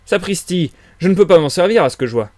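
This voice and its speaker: Storybook role: dogged village constable, raised loud insistent voice, dry close sound, read by a man. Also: on the high side, fairly quick, no room sound, pitched above the performer's own voice, natural voice. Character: stubborn village police constable, dutiful. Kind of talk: audiobook character reading.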